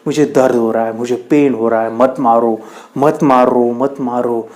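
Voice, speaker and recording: A man voicing a suffering stone in a spoken story, pleading loudly and over and over not to be struck. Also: fairly even intonation, measured pace, lightly acted. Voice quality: high, loud, repetitive pleading.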